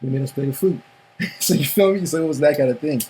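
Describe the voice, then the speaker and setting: A man's voice: a little high, fast talker, darkish tone, slight background noise, low-quality recording. A young man from Haiti, raised in Miami, chatting easily as a guest musician and agreeing with "for sure" and "yeah". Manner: laid-back, agreeable, repeats "for sure". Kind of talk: casual interview chat.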